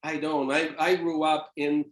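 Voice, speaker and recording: Animated Brazilian man in an echoing church. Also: a little high, a little slow. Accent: Brazilian Portuguese. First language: Portuguese. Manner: animated, exclamatory, playful. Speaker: theologian lecturer. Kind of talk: church lecture. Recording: echoey church hall.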